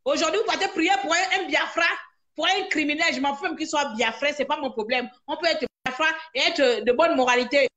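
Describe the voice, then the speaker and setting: A Gabonese woman hosting a live stream delivers a heated rant, indignantly scolding her audience and repeating herself through rhetorical questions. Her voice is high-pitched and fairly bright, moving a little fast.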